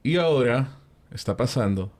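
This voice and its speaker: A man with a Peruvian accent telling a ghost story in a relaxed panel chat, acting out the characters' lines and using frequent fillers. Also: mid-range voice, normal speed. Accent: Peruvian Spanish. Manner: animated storyteller who acts out the characters' lines; frequent fillers and tag questions.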